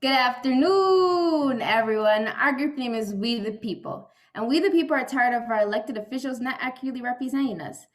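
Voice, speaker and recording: A teenage girl presents a rehearsed startup pitch as a student competitor. Her voice sits a little high for a female speaker. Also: fast, hardly any pauses.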